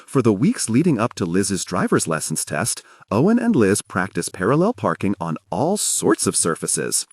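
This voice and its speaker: A man narrating an audiobook in an expressive storytelling manner. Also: fairly low pitch, moderate pace, few pauses, breathy edge, no echo, clean studio sound.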